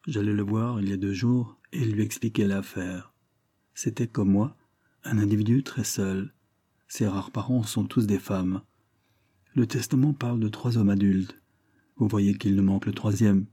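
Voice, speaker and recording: A man reading the part of a smooth-talking adult male con man who spins his story in an earnest, persuasive way. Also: on the low side, fairly even intonation, a little slow, mellow, no echo, studio quality.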